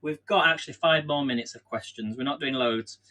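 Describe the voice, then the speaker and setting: An English man talks briskly in a medium-pitched, sharp-toned voice while baking on a casual kitchen live stream. He runs a quiz and chats in a rambling, self-deprecating way, laughing frequently. A camera on a stand records the sound.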